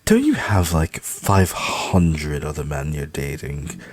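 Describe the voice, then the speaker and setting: A man's voice: extremely low pitch, huge pitch swings, takes it slowly, heavily acted. A man voicing a snobby, condescending young heiress who talks in a patronizing, clipped way. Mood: snobby, snappish.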